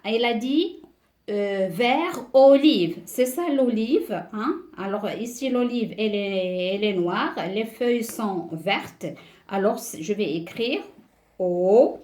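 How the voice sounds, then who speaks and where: Slow, patient woman teaching letters. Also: mid-range voice, a little mellow. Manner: asks questions and checks understanding. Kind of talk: beginner French lesson at a board.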